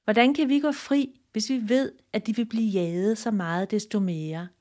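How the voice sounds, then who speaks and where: A woman voicing a calm, noble male deer king who speaks solemnly and steadily. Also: medium pitch, close to an everyday voice.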